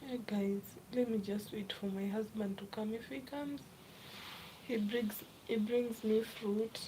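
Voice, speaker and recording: A young woman from Kenya chatting casually on a live stream, reading viewer comments aloud and often dropping to a soft, half-whispered voice. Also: medium pitch, fairly even intonation, measured pace, background noise. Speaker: livestreamer.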